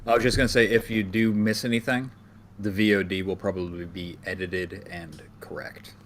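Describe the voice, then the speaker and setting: A man with a lowish voice co-hosts a live podcast in an easygoing way, restarting his sentences as he goes. A faint hiss sits behind him. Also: level tone, normal speed, a bit bright. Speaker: podcast co-host. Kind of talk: casual chat about music videos.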